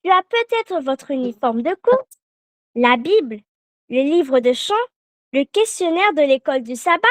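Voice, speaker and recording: A woman delivering a sermon in a high voice at an unhurried, deliberate pace. She speaks in a measured way and leads call-and-response repetition. The sound is dry and close. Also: expressive, dry recording. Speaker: preacher giving a children's meditation.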